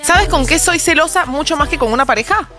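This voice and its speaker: Radio host, woman, Argentine accent, conversational and animated, clear music bed under the voice. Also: high voice, brisk. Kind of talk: casual radio chat. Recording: music playing behind the voice.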